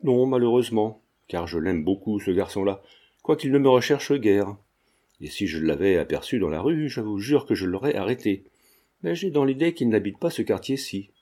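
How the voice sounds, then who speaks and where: A man's voice: on the low side, expressive, moderate pace, dark tone. A man voicing a genial old retired druggist who feigns deafness, talking in a sly, affable way.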